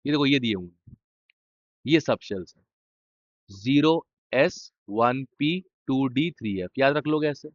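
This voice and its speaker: A man's voice: mid-range voice, a little slow, pauses often, no echo. Guy teaching chem revision, blunt jokey asides, keeps repeating the key words, dry dull-ish sound. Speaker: chemistry teacher. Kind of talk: informal exam-revision lesson.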